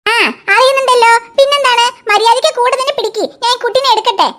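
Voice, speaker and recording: A woman's voice: very high-pitched, fast, a bit bright. A woman voicing a kind motherly woman in a cartoon, soothing and fussing over a lost child.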